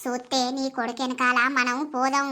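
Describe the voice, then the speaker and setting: A woman voicing a shrewd, bossy village neighbor in a cartoon, speaking briskly and commandingly. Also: high-pitched, monotone, bright, forceful tone. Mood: scheming.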